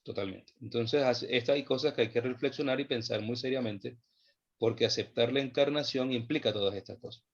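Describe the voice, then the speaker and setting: A man teaching a theology class, speaking slowly and with emphasis, repeating phrases as he thinks them through. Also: medium pitch, highs cut off. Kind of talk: lecture. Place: online class session.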